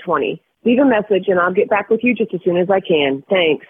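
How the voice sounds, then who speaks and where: A woman's voice: medium pitch, lively intonation, a little fast. Woman's answering machine greeting over phone. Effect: answering machine greeting heard over the phone. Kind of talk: recorded voicemail greeting. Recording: tinny phone line with faint hiss.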